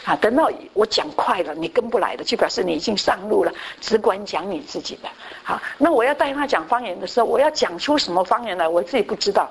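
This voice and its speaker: A woman pastor giving a conversational Bible class. She repeats her phrases and often fills her pauses with a short affirming word. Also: mid-range voice, expressive, husky, rough recording.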